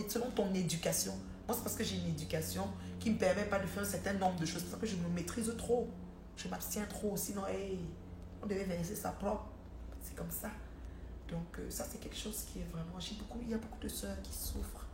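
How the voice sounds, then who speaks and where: A woman hosting a live stream, chatting casually and animatedly to her followers, repeating words as she goes. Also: mid-range voice. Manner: animated, repeats words, talks straight to viewers. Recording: roomy echo with faint background noise.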